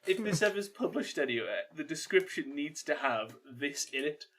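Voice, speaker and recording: A man's voice: a little high, expressive, moderate pace, a bit bright. A man co-hosting a podcast in casual comedic chat, tipsy on gin, swearing and making self-deprecating jokes. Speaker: podcast co-host.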